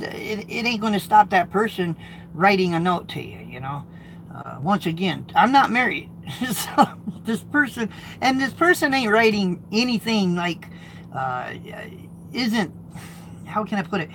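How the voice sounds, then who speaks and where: A middle-aged American truck driver hosts a video from his truck, reading viewer comments in a high-pitched, gravelly voice with a fairly bright tone. He rambles, repeats words and keeps restarting sentences. The low-quality recording carries a little hiss or hum.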